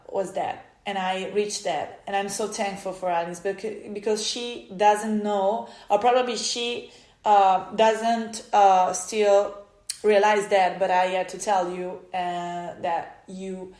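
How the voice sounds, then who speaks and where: An Italian vlogger speaking English as a second language, with an Italian accent, tells a personal story haltingly and emotionally, restarting often. Her voice is mid-range and darkish in tone, and the room sounds echoey.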